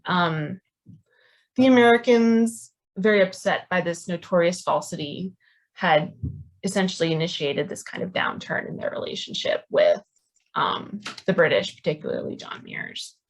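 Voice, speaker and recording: Woman, history lecturer, lower voice, halting and filler-heavy delivery. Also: big pitch swings, low-quality recording. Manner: hesitant, many ums and restarts. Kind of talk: academic talk.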